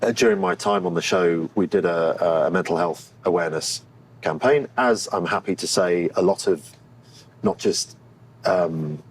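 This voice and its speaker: Noticeable noise sits behind this man's deep voice in a rough recording. He's an actor in an interview, speaking openly and thoughtfully, stumbling a little as he searches for how to say things.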